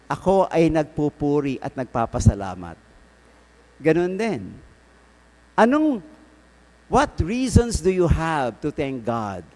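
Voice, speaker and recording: A priest with a Filipino accent preaching at a prayer meeting, mixing English and Tagalog and telling a story with rhetorical questions. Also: male voice, a little high, a little mellow, big-room sound.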